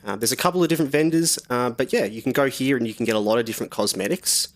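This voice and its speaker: Racing along in a medium-pitched voice, a young streamer casually narrates his game. He rambles in a relaxed way, using lots of fillers, and sounds slightly sick and sniffly.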